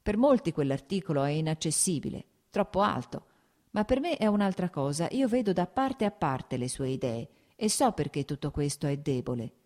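A woman reading an audiobook, voicing an agitated, sickly radical man who declaims loudly and irritably. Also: sits low, very animated, normal speed. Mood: scornful. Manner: loud, heated, irritable declaiming.

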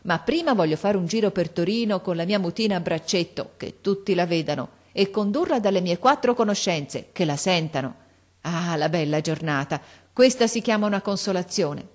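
A woman's voice: lowish voice, expressive, normal speed. A woman reading a storybook aloud and voicing a poor, emotional working-class father who gardens for a living, effusive and exclamatory. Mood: effusive, grateful.

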